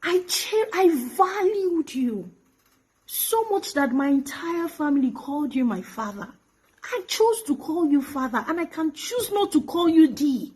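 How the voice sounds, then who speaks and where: High-voiced woman, pleading and indignant. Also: sing-song, unhurried, darkish tone. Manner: pleading, indignant, repeats herself, drops to a whisper. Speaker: actress. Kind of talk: emotional direct-to-camera address.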